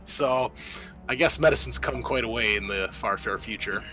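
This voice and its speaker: Over background music, a man with a medium-pitched, pushed, bright voice at normal speed narrates a horror tabletop roleplaying game as game master. He improvises, weaving storytelling together with rules talk and dry asides, and the recording is rough.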